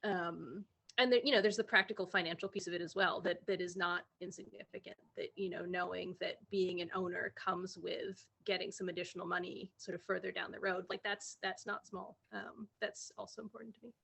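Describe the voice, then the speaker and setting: A woman who is an employee-owner, answering panel questions hesitantly with many pauses. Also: lowish voice, fairly even intonation, gravelly, fairly bright tone, slightly rough.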